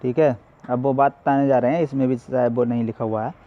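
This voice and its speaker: A man's voice: medium pitch, steady tone, brisk, dull audio. A male teacher giving a classroom lesson, asking questions and answering them himself.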